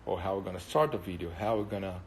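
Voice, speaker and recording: A Brazilian man whose first language is Portuguese, speaking with a Brazilian Portuguese accent, chats casually on a live stream and answers viewers. His low voice is darkish and fast, with slight background noise, and he rambles hesitantly with many fillers.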